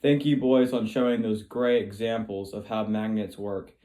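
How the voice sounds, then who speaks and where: A man's voice: lowish voice, little pitch movement, moderate pace, very noisy. Upbeat male science show host. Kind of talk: presenting a student science show.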